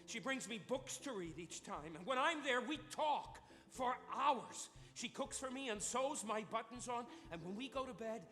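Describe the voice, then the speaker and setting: A tired executive husband who speaks slowly and sardonically. His tone is bright and carries into a hall with long reverb and faint music. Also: expressive, exaggerated voice. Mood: bitter. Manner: low, measured, sardonic. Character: weary middle-aged executive husband, cool and bitter. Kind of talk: stage musical acting. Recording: theater stage with long reverb.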